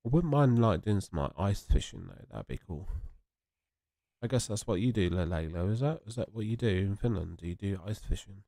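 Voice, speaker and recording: With a stuffy, sniffly voice, this young English streamer chats and rambles to viewers mid-game. He speaks fairly quickly in a lowish, creaky, warm voice with lively intonation, captured at studio quality without room sound.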